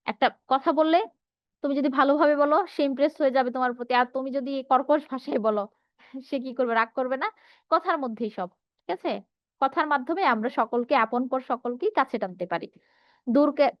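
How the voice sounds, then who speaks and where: A high-voiced woman teacher with a Bangladeshi Bengali accent leads an online lesson, often putting questions to her students. Her voice is dry and close, a little muffled and lo-fi. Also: no echo. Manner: reads out students' answers and asks rhetorical questions. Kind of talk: online class lecture.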